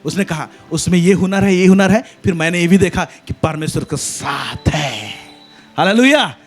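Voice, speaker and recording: Pastor guy preaching, high voice that swings all over, bursts of shouting, soft music under it. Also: animated, moderate pace. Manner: preaching with emphatic shouts and hallelujahs. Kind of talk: sermon. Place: church service.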